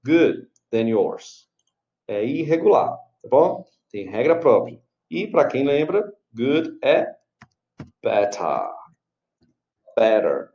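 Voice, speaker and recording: A man's voice: a little high, sing-song, dull audio. A man with a Brazilian Portuguese accent teaching English grammar, working through an exercise patiently and often checking in with his students. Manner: slow, patient, repeats and checks with "tá bom?". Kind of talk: explaining an online grammar exercise.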